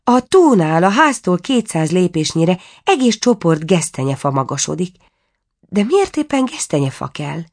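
A woman's voice: fairly low pitch, big pitch swings, darkish tone, pitched above the performer's own voice. A woman voicing a small, timid dwarf cook who pleads and trembles in a storybook reading. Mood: relieved.

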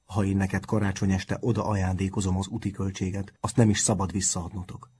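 A man voicing a stern but kind middle-aged male schoolteacher, gruff and loud when he exclaims. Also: deep voice, flat delivery. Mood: gruff kindly.

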